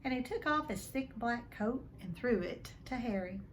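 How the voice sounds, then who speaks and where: A woman reads a storybook aloud expressively, like a teacher, addressing her listeners and dramatizing the text. Her voice is a little high and expressive at a moderate pace, with a little hiss or hum in the audio.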